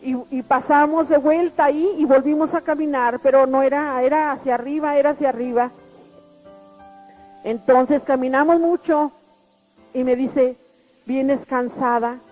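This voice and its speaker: A woman giving a spoken personal testimony, earnest and halting, with frequent restarts and repeated words. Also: high voice, steady tone, a little mellow. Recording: muffled recording with faint background music.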